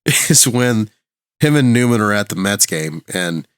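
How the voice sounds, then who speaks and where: A man co-hosting a podcast in casual chat, relaxed and amused as he shares his favorite moments. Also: lowish voice, unhurried, clean tone, no room sound. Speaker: podcast co-host.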